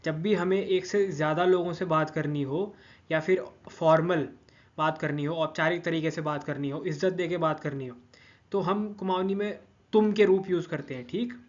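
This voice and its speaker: A man's voice: on the high side, muffled recording. A man giving a patient grammar lesson, repeating each word form and checking in with listeners often. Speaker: language teacher.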